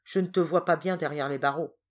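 Woman doing a shrill, bossy young heroine. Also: fairly even intonation, fairly quick, close to an everyday voice. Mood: mocking. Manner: commanding, shrill. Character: teasing bold young woman with revolver.

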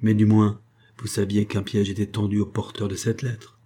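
Storybook role: male narrator doing a grave, bitter young officer, husky and low. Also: little pitch movement, dark tone. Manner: grave, measured, growing harsh.

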